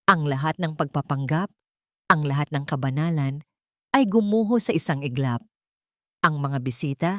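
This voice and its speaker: A woman's voice: on the low side, no echo, clean studio sound. A woman storyteller reading a scripted drama story with dramatic, emphatic delivery.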